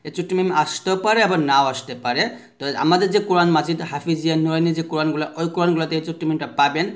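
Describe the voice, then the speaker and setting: A man teaching the rules of Quran recitation. He asks the class a question, answers it himself, and chants the letter sounds slowly for listeners to repeat. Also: fairly high pitch, fairly even intonation. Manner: has listeners repeat after him. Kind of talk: tajweed lesson.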